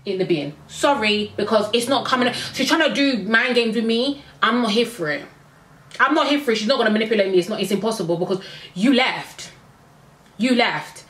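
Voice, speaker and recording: A woman's voice: medium pitch, brisk, a bit bright. A woman with a mid-range voice gives a blunt, opinionated recap of a reality show, tossing in exasperated asides. Her voice rings a little in an echoey room. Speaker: reality TV reviewer. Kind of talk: casual recap commentary.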